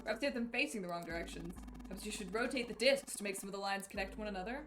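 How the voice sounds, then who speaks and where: Fast-talking woman reading and joking. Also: medium pitch, background noise. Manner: quick, joking, blunt. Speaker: streamer reading a story aloud. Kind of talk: casual chat and narration.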